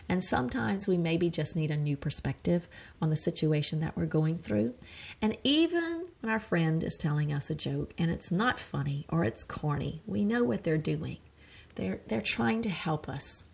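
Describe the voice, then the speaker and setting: Husky-voiced woman giving a chatty webinar talk. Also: on the low side, a little mellow. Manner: chatty and earnest, with restarts and asides. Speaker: occupational therapist presenting a wellness webinar. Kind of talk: unscripted webinar presentation.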